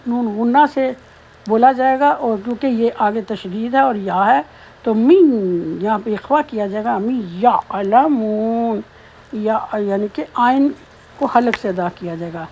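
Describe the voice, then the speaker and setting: Woman recitation teacher, high voice, patient explainer, muffled lo-fi recording. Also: darkish tone, husky. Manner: slow melodic chanting of verses, then patient spoken explanation. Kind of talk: tajweed lesson, recitation with explanation.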